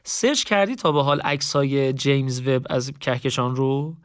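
A man reading a story aloud in a calm, reflective, casual spoken style. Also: mid-range voice, clear, resonant tone, no echo, clean studio sound. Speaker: narrator. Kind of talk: audiobook story narration with reflective asides.

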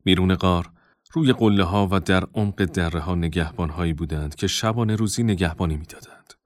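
Deep-voiced male storybook narrator. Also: no room sound. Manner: calm, measured reading.

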